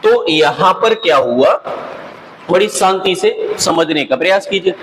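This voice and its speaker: Male teacher, raised pitch, quizzes and answers himself, faint hiss under the voice. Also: lively intonation, a little slow, a bit bright, poor audio. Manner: explains patiently, asks and answers his own questions. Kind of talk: exam-prep grammar lesson.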